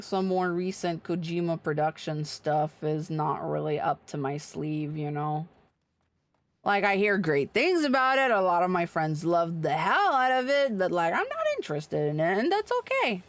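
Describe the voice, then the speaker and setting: Her voice sits low and sounds expressive as she talks at a measured pace, faint music in the background. She's a livestreamer playing an online game, bantering with viewers in a playful, informal way and swearing freely.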